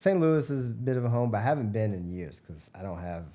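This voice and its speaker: A fast-talking, very animated Midwestern American man with a warm voice on the low side takes interview questions as a guest. He's a biomedical researcher and entrepreneur, and his answers are casual, informal and rambling.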